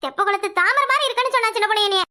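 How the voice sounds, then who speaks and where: Woman doing a shrill squeaky cartoon wife. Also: sharp tone, full character voice. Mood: angry, scolding. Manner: scolding, rapid, repeating her lines. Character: fiery shrill young wife, quarrelsome and wounded. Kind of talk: cartoon voice acting.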